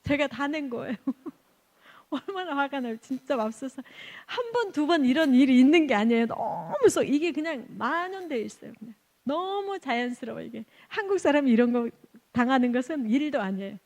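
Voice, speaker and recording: A woman missionary giving an animated testimony at a church service, laughing often and acting out the people in her stories. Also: high-pitched, normal speed. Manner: animated, laughs often, acts out quoted exchanges. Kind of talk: lively storytelling testimony.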